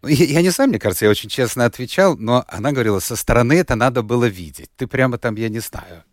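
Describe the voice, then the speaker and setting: A radio host, here appearing as a guest, rambles through a relaxed interview full of fillers and restarts, sounding unwell and still recovering from an illness. His mid-range voice is lively in intonation and fast. The recording is dry and studio quality.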